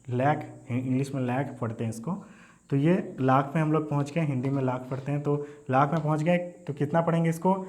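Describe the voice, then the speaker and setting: Hindi maths teacher, slightly high voice. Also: male voice. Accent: Hindi, Indian. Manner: repeats "ठीक है" and "है ना" as check-ins, mixes English terms into Hindi. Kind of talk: classroom lesson explaining number places.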